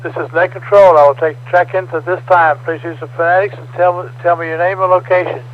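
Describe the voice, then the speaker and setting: A man's voice: high voice, flat delivery, brisk, phone-quality sound. A man acting as net controller, making formal but hesitant procedural announcements over amateur radio. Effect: transmitted over ham radio. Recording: noisy, band-limited ham radio transmission.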